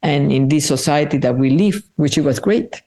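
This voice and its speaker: A middle-aged woman from Peru with a warm, mellow, low-pitched voice is interviewed about her art. Spanish is her first language, and her reflective answers come earnestly, as she slows down to think things over and weigh her words.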